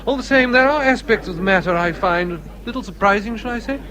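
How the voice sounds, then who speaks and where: An actor playing a courteous, ardent English naval captain in a period radio drama, with a formal, measured manner and an English accent. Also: male voice, high voice, sharp tone. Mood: probing. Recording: busy crowd murmur behind.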